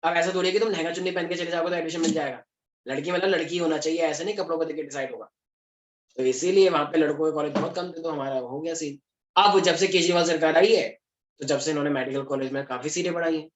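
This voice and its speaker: The speaker is a young man from Delhi, India, talking fast in a voice on the high side. He runs a classroom lecture with a chatty, humorous tone and borrows English terms, recorded in an echoey classroom.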